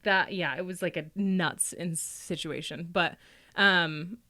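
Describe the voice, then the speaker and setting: An adult woman who is a parent and a tarot and astrology reader chats as a guest, explaining things in a loose, talkative, informal way with frequent laughing asides. Her voice is on the low side, slow, pushed, and bright.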